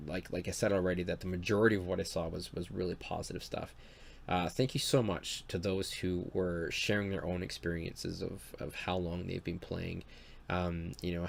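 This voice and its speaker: Stuffy, gravelly deep-voiced man. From Ontario, Canada. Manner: hesitant, halting, earnest. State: stuffy from a cold. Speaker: dungeon master and video maker. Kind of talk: casual talk to camera.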